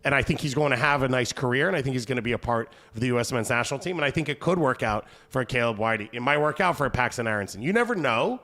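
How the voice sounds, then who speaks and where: Man, mid-pitched, host, quick conversational talk, thinks aloud. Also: animated, sharp tone. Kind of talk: casual panel discussion.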